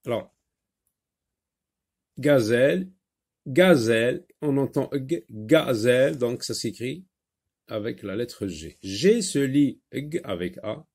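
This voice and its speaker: Slow, patient male phonics teacher. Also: mid-range voice, lively intonation, creaky, a little mellow. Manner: slow, patient, repeats words and syllables. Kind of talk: French phonics lesson for children.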